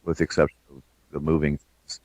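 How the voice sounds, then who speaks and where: Deep-voiced relaxed man. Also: fairly quick, dry recording. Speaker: game developer. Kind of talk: casual commentary.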